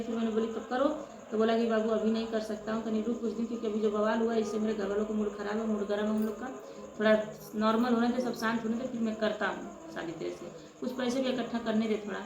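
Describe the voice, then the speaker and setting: A woman's voice: fairly high pitch, flat delivery, fast talker. A woman vlogger tells her own story to viewers with passion, often calling them friends. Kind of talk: emotional personal storytelling to viewers. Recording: echoey room with loud ambient noise.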